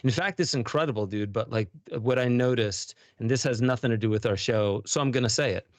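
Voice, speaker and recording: Male podcast host, 30s, smooth clear voice, dry close sound, easygoing and jokey. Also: mid-range voice, brisk, no room sound. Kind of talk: casual chat.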